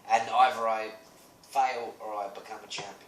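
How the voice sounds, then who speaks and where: A British man in his thirties co-hosting a podcast, chatting casually and telling animated stories with plenty of swearing. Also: on the low side, normal speed, echoey room, distant mic, crowd noise. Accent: British English. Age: 30s. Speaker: podcast co-host. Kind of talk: casual chat.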